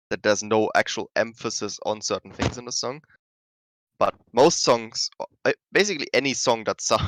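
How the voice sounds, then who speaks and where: A man with a fairly low, somewhat bright voice rambles through a casual tutorial on rhythm game map design, full of fillers and self-corrections mid-sentence. The audio is dry and rough.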